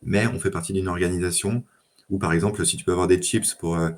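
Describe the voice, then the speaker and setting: Low deep dude chatting casually about tech, relaxed, fillers everywhere. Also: male voice, fast. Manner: relaxed, many fillers and restarts. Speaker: data engineer guest.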